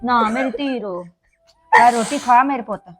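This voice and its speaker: A woman's voice: a little high, measured pace, fairly bright tone. A protective, loving mother played by a middle-aged woman coaxes and soothes. Faint music plays behind her. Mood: soothing. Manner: soothing, coaxing, fussing tenderly. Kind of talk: family drama acting.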